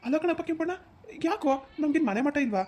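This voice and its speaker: A woman's voice: sits high, lively intonation, fast. Woman doing an old village parent. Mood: scolding. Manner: gently scolding, fond. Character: old village parent scolding a grown son.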